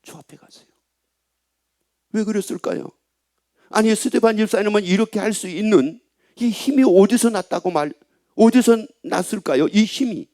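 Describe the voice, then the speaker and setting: A man's voice: high voice, moderate pace, warm tone. A middle-aged male pastor preaching a sermon in a church, emphatic and often asking the congregation questions. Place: church sanctuary.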